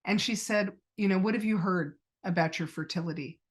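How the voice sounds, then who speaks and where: A woman's voice: medium pitch, a little fast. Earnest middle-aged woman telling her story. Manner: earnest, retells conversations as quoted dialogue. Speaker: podcast guest. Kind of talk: personal storytelling in an interview.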